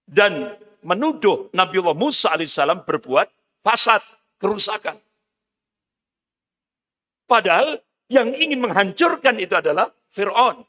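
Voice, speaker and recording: A man's voice: high voice, animated, measured pace, long pauses, sharp tone, in a large hall. A man preaching a sermon as an Islamic preacher, emphatic and declamatory, with Quranic recitation.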